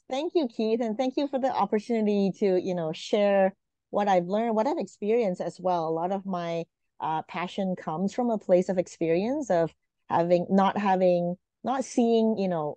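A Malaysian woman in her forties speaks at medium pitch and a moderate pace, with a dark tone and no echo. She's a guest on a video call from a room at home, talking earnestly in a casual interview with many fillers and restarts, and the webcam mic gives dull, lo-fi audio.

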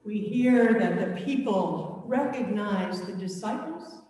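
A woman's voice: mid-range voice, animated, slow pace, dark tone. A woman priest preaching a sermon in a church, telling the story in a reflective way. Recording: echoey church, mic far off.

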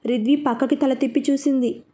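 A woman tells a story aloud in a high, clear voice, reading with steady expression. Her delivery is that of a serialized storyteller guiding the listener from scene to scene. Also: fairly quick. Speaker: narrator. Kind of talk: storytelling narration.

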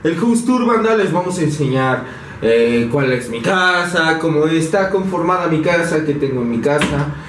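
Chatty and slangy, this young vlogger with a Mexican Spanish accent calls his viewers "banda" as he energetically tours his small indoor apartment at a moderate pace. His slightly high voice comes through a handheld camera mic held some distance off, with slight background noise and a noticeable echo from the small rooms.

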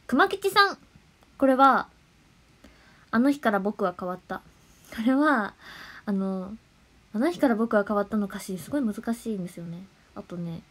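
A young woman, chatting playfully on a solo livestream and sometimes dropping to soft murmurs and whispers. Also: medium pitch. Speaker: idol livestreamer. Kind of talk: casual solo livestream chat.

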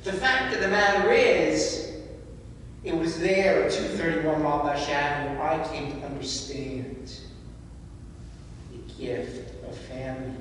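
A man delivers a sermon built on personal stories, his voice sitting fairly high for a man. He sounds distant from the microphone, with a long, roomy church echo and faint noise behind him. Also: slow, a bit bright. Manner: personal storytelling, emotional at times. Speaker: homilist. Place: large church. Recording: echoey church hall from far off.

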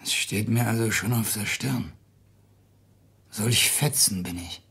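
A man voicing a tormented, broken sick man who pleads in a hushed, half-whispered, husky voice. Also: on the low side, slow pace, voice pushed down, exaggerated voice. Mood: despairing.

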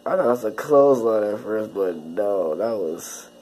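A man's voice: on the low side, lively intonation, normal speed, mellow, slight background noise. A teenage boy giving casual, exasperated commentary on his own old videos, often repeating himself. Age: teens. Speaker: YouTuber.

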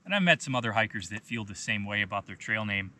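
A man in his thirties, a hiking vlogger, telling a personal story in a relaxed, conversational way and often saying "you know". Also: on the low side, fast talker. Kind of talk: casual storytelling to camera.

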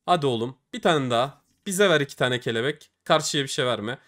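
A man's voice: mid-range voice, animated, a little fast, fairly bright tone. A young man commenting casually on opening game cases, often pleading and groaning at the results. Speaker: case-opening streamer.

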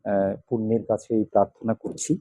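Monk slowly drilling Pali chants. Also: male voice, fairly low pitch, flat delivery, mellow, dry recording, low-quality recording. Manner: slow, repeats each Pali phrase several times. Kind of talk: recitation lesson.

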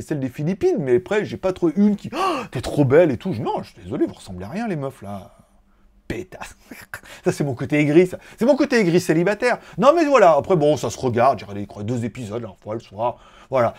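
A man's voice: fairly high pitch, darkish tone. A man hosting a tech vlog in casual chat, rambling loosely, swearing often and laughing at his own jokes. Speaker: tech vlogger host. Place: living in Thailand.

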